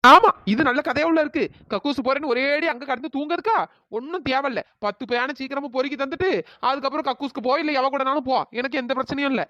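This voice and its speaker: A woman doing a cartoon young wife, bossy and mocking, high quick voice, dry dull recording. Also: pushed and bright, dry recording. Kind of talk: cartoon voice acting.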